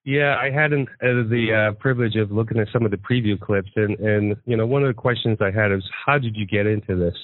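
A man's voice: fairly low pitch, no echo. Male talk-radio host, friendly questioner, hesitant uhs, dry and tinny sound. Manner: halting, with uhs and quick laughs. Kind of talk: radio interview. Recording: tinny phone-like line, dry.

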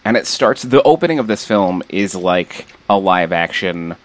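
Man, low voice, rambling, casual movie chat, self-interrupting. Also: animated, moderate pace. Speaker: podcast co-host.

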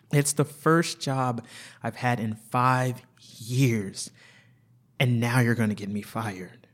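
A man voicing a volatile, distrustful homeless woman who pleads and then accuses in a strained, high voice.

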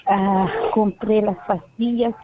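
A woman phones in to a health program, her words halting and full of restarts. Her voice comes through a thin, tinny phone line with a noisy hiss behind it. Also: medium pitch, steady tone. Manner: hesitant, halting, many restarts. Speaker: caller. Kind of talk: phone-in call to a radio health show.

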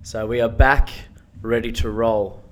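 A man's voice: mid-range voice, fairly even intonation, measured pace, slight background noise. A man with a broad Australian accent chats casually as a podcast co-host, blokey, slangy and sweary in a laid-back way. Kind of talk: casual chat.

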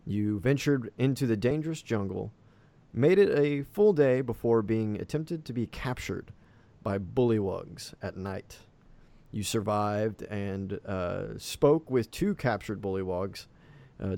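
Gravelly man narrating a tabletop game. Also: on the low side, a little mellow. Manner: loose, filler-heavy narration. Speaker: game master.

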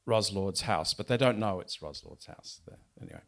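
A man, the author, speaking at a bookshop event. He chats wryly between passages and then reads his novel aloud. His voice sits low and carries a steady gravelly fry. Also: normal speed. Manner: chatty, wry, with fillers and restarts. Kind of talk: casual talk and reading aloud from his novel.

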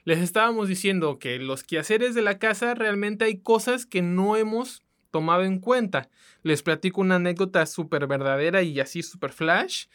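A Mexican woman with a coastal accent co-hosts a casual podcast, talking colloquially and chattily straight to listeners. Her voice is fairly low and moves at a normal speed.

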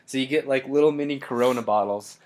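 A young man hosting a podcast, riffing absurd jokes in a deadpan way and laughing often. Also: medium pitch, fast talker. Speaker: podcast host. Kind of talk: joking casual chat.

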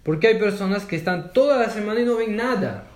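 A man's voice: sits high, lively intonation, fast talker. A man teaching a conversational Bible lesson, telling personal stories with fillers and rhetorical questions. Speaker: church cell group leader teaching a course. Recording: roomy echo.

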